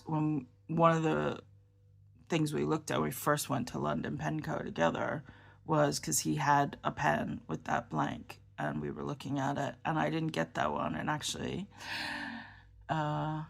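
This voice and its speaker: Tired woman vlogger, low and creaky, slow hesitant rambling chat. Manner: rambling, hesitant, with many ums and restarts. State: tired and subdued. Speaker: fountain pen vlogger. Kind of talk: casual show-and-tell chat.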